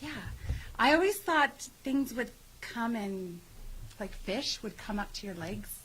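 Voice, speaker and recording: A woman's voice: a little high, lively intonation, takes it slowly, heavy background noise. A woman who works as a substitute teacher, chatting casually on a video call with a jokey, giggly, self-mocking manner. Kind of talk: casual chat.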